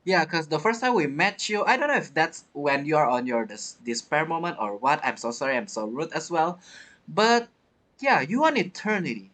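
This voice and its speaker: With game music in the background, a streamer reacts to the story of the game they're playing in casual, dramatic commentary, frequently repeating phrases. Their mid-range voice swings widely in pitch, sounds a bit bright, and moves at a moderate pace.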